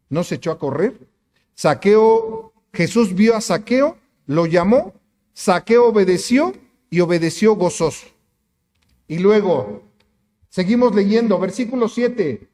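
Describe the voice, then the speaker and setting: A man's voice: sits high, lively intonation, slow pace, long pauses, dark tone, big-room sound. A man preaching a sermon as pastor, emphatic, asking the congregation rhetorical questions. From Mexico. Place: church sanctuary.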